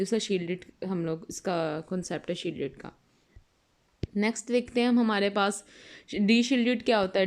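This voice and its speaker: A woman teaching a chemistry lecture over slides, explaining step by step and asking and answering her own questions. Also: mid-range voice.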